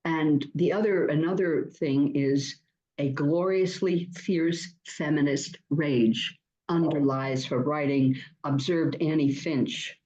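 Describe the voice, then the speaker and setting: A woman hosting an online poetry reading, introducing the featured poet with effusive praise and many halting fillers. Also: sits low, fairly even intonation, dark tone, dull audio. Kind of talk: warm spoken introduction, reading quotes aloud.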